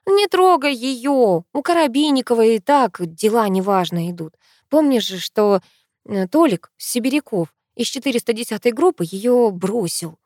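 A woman voicing a sighing, soft-hearted girlfriend. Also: fairly high pitch, lively intonation, normal speed, no echo, clean studio sound, close to an everyday voice. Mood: pleading. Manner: sighing, hesitant, placating. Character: young woman student, soft-hearted worried friend.

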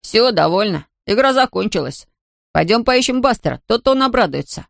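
A woman voicing a friendly boy who speaks briskly in a storybook reading. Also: medium pitch, big pitch swings, vocal fry, no echo, studio quality. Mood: coaxing.

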